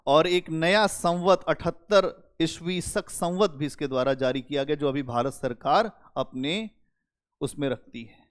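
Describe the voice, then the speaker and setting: Animated high-voiced male history teacher. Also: a little slow. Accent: Hindi-speaking North Indian. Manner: animated, conversational, addresses students directly. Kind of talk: classroom lecture.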